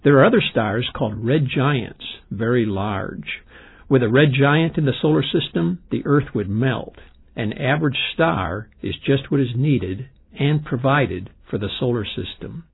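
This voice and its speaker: Husky, creaky-voiced man explaining science. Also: medium pitch, measured pace. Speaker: expert interviewee, science lecturer. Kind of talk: explanatory documentary commentary. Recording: dull lo-fi sound, music behind.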